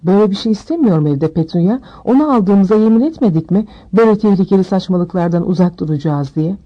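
A woman voicing a blustering, bad-tempered middle-aged uncle who snaps gruffly. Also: mid-range voice, animated, fast, dull audio, close to an everyday voice. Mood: anxious.

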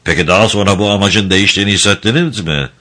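Strict courtroom judge type asking formal questions, bright edgy voice, guy reading it. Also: lowish voice, racing. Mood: questioning. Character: stern male court official questioning a witness.

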